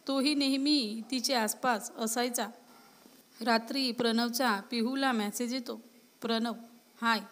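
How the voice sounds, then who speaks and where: A woman storyteller narrating a romance story in a steady, even reading voice. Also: fairly high pitch.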